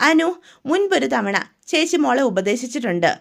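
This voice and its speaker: A woman's voice: high voice, big pitch swings, normal speed, gravelly, exaggerated voice. A woman voicing a caring older sister who patiently advises and warns her younger sister. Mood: advising. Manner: patient, advising, repeated questions.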